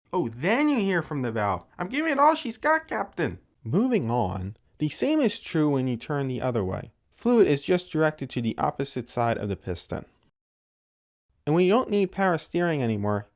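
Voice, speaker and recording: A man's voice: mid-range voice, darkish tone. A man hosting a car teardown channel, narrating a technical explainer with dry, self-mocking humor.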